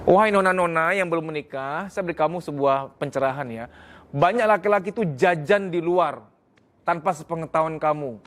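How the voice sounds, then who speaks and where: A man speaks frankly and earnestly, offering blunt marriage advice in a lively way. His voice sits a little higher than most men's. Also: moderate pace.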